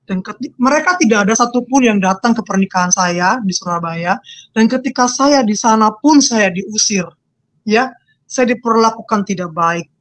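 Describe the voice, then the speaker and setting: A woman giving an emotional personal testimony as an interview guest, repeating her phrases and swinging widely in pitch. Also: expressive, moderate pace, no echo.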